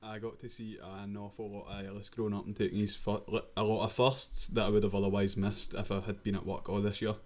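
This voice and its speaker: A man's voice: lowish voice, flat delivery, darkish tone. A Scottish man and young father, chatting casually on a podcast in an easygoing, joking way. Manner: easygoing, jokey, quick to laugh. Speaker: podcast co-host. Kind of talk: casual chat.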